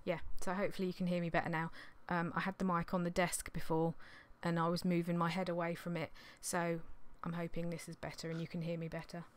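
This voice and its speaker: A woman in her thirties, slightly hoarse from losing her voice, chats on a vlog as a clothing reseller, rambling and apologetic. Her voice sits on the low side, monotone and quick with hardly any pauses. She's in a small indoor craft room, recorded on a desktop condenser mic mounted on an arm.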